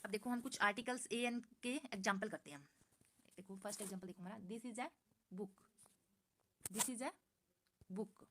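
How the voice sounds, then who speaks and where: Working from slides, a female English teacher goes through a grammar lesson, patiently repeating each point, posing questions and answering them herself, and reading the English examples slowly and carefully. Her pitch is ordinary and mid-range, the sound slightly bright, with a little hiss or hum.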